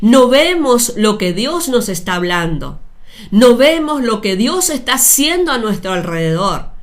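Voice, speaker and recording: A woman preaching a sermon, speaking deliberately with repeated phrases and addressing her listeners directly. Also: on the high side, very animated.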